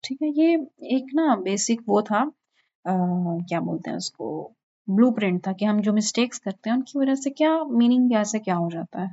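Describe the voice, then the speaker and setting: A woman teaching tajweed, explaining in mixed with English and reciting verses slowly to show mistakes. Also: mid-range voice, lively intonation, dark tone. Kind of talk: informal online lesson. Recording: dull lo-fi recording.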